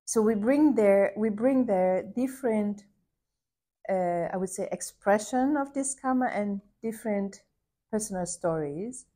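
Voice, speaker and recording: A podcast host, a woman with a mid-pitched voice, reflectively recounts a visit in soft, thoughtful storytelling. She sounds hesitant, searching for words with lots of pauses and restarts, and her contemplative tone rises at times to warm emphasis.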